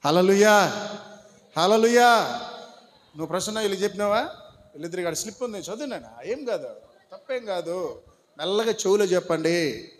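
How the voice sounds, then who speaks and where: A man's voice: high-pitched, expressive, brisk, a little hiss or hum. A male pastor, preaching and urging his congregation along by name. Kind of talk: sermon with congregation instructions. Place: church hall. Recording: long hall reverb.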